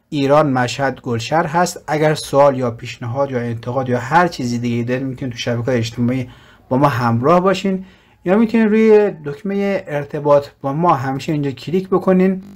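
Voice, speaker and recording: A man with a Persian accent explains a website feature by feature. His voice sits a little high. He talks in a patient tutorial manner, pausing and filling gaps as he clicks through. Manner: explanatory, with fillers and pauses. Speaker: website presenter. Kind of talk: screen-recorded software walkthrough.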